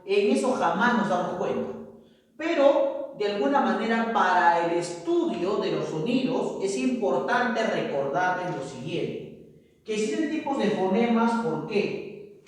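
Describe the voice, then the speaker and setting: Male teacher, high voice, slow lecture pace, keeps asking "right?"; recorded from afar in a roomy, reverberant space. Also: lively intonation. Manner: checks in with frequent tag questions. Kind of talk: classroom lecture. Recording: echoey room, far from mic.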